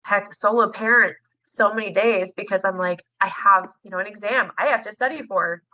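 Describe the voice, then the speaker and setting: A woman's voice: mid-range voice, normal speed, bright, forceful tone, dry recording, lo-fi sound. A young woman, a nursing student, chatting emotionally in an interview, with lots of fillers and laughter. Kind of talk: casual interview chat.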